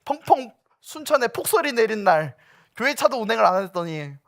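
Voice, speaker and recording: A young man, a youth pastor, preaching a sermon that moves from storytelling to loud, urgent exhortation. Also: high-pitched, sing-song, brisk, creaky.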